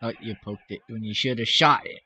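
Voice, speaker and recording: A man's voice: lowish voice, brisk, sharp tone, breathy edge, dry recording. A young man chatting casually beside a friend playing a video game, teasing him and cheering the plays. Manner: dry teasing remarks, cheers the play. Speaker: co-host friend. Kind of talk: casual gameplay chat.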